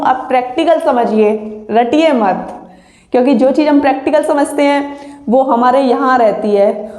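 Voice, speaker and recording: High-voiced Hindi-accented woman teaching. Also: a little mellow. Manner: explains slowly, with examples, and often checks with the listener. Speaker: Hindi teacher for exam prep. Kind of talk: online exam coaching lesson. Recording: echoey room.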